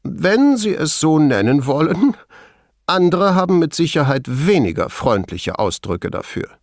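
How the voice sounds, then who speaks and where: A man's voice: a little slow, dry recording. Guy doing a smug gossipy lab boss, voice jumps way up, dry sound. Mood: mocking. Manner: high, animated, mocking bursts. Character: middle-aged male lab chief, smug and gossipy.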